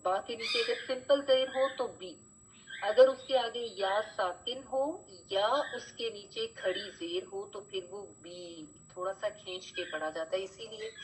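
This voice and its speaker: A woman teaching Quran recitation rules in an online class. She explains slowly and patiently, repeats key points and often checks that students are following. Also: medium pitch. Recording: slightly dull, faint background noise.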